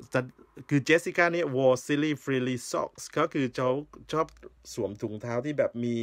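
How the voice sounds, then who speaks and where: Male teacher, unhurried and patient, reads each line carefully and then explains it, close dry sound. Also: mid-range voice, no room sound. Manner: reads English slowly and deliberately, then explains each phrase; patient, repeats "นะครับ" often. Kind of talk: bilingual reading lesson for learners.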